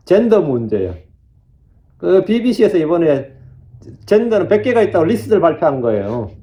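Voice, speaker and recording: A man's voice: on the high side, muffled recording. A male pastor gives a conversational sermon. He quotes scripture and laughs at his own remarks.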